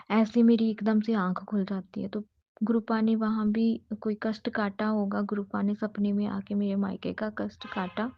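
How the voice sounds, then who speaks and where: A woman's voice: medium pitch, creaky, highs cut off. A woman earnestly sharing a devotional testimony, repeating her thanks to her guru, recorded as a phone voice note.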